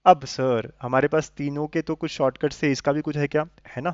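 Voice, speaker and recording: A man's voice: a little high, fairly even intonation, brisk, no echo. Man teaching maths, coaxing tone. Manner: coaxing, keeps checking understanding with tag questions. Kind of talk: explaining lesson to students. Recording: dull lo-fi sound, dry.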